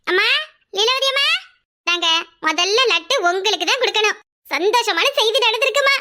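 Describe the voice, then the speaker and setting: A woman's voice: very high voice, lively intonation, moderate pace, pushed and bright, heavily acted. A woman voicing a pleading, tearful middle-aged mother of a bride, speaking with a Kanyakumari Tamil accent. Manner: emotional, pleading, often on the edge of tears. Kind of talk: cartoon voice acting.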